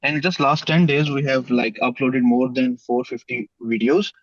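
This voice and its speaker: A man's voice: mid-range voice, fairly even intonation, moderate pace, no echo, dull audio. A man reporting to his boss on a video call, deferential and calling him "sir". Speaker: team member reporting.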